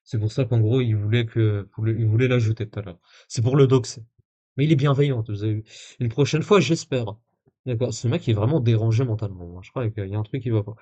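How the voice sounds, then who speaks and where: A man's voice: fairly low pitch, fast talker, warm tone, highs cut off. Casual man streaming, sarcastic and rambling. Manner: casual, rambling with many fillers and self-corrections. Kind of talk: live stream commentary reading messages.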